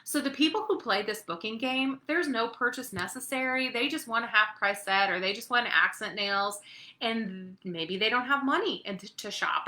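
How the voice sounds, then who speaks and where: A woman's voice: mid-range voice, bright, forceful tone, roomy sound. A woman leading a webinar training for her sales team, upbeat and chatty, often checking in with "okay?" and "right?". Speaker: network marketing team leader.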